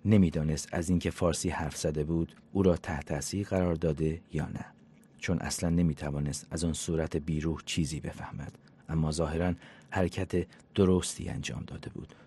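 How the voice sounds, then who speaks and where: A man narrating an audiobook in an even, measured storytelling manner. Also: very deep voice, slightly rough.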